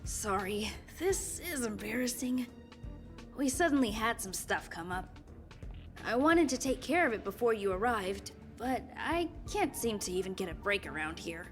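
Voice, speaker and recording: In this scripted video game dialogue, an actress voices a busy, kind young woman working on a space station, flustered and apologetic as she speaks earnestly and politely. Her natural, mid-range voice is expressive and moves at a normal speed over music.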